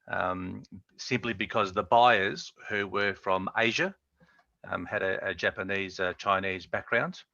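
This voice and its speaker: A man's voice: on the low side, vocal fry, sharp tone, no room sound. A man hosting a video call Q&A in a jovial, rambling way full of ums and uhs. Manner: rambling, filler-heavy, jovial. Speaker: session host. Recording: dull lo-fi call audio.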